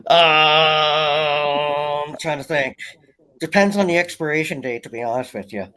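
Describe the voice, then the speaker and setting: A man joking in crude casual banter in an online voice chat, with deadpan one-liners and giggles. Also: fairly high pitch, measured pace, smooth.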